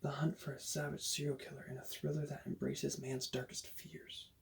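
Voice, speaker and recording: A man doing a whispered role-play as a librarian recommending books, in a hushed, breathy library whisper. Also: mid-range voice, little pitch movement, normal speed, slight background noise.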